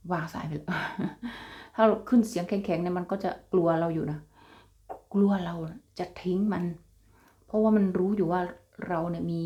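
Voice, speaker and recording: A young woman with a Northeastern Thai (Isan) accent vlogs casually for her viewers, laughing often and calling them brothers and sisters. Her mid-range voice is a little mellow, and the recording sounds lo-fi.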